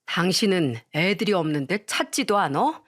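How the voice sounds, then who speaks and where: A woman's voice: on the low side, sing-song, moderate pace. Woman voicing a stern fed-up husband. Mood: indignant. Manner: firm, raised voice.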